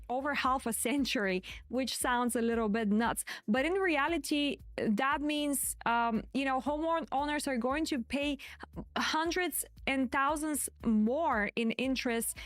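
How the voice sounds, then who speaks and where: A woman with a quiet but clear voice hosting live market commentary, explaining casually and often correcting and repeating herself as she goes. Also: high-pitched, dry recording. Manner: hesitant, self-correcting, repeats phrases. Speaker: trading stream host.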